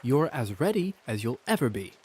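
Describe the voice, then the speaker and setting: A man's voice: mid-range voice, very animated, normal speed, darkish tone, breathy edge. An actor playing an easygoing male vampire mentor in a video game, coaxing and conversational, casually reassuring. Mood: sly, coaxing. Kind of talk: scripted game dialogue.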